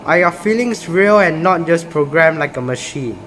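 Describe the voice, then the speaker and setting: Animated and a bit bright, a slightly high young male voice talks at normal speed. He's a Singaporean gaming YouTuber in a small room, casually commenting as he plays on camera, reading questions aloud and saying "bro" a lot.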